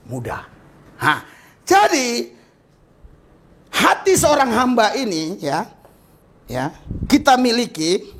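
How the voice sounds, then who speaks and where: High-voiced preaching man, swinging emphasis. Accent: Indonesian. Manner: preaching with sudden jumps in pitch and loudness, acting out quoted speakers. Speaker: pastor. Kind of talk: sermon.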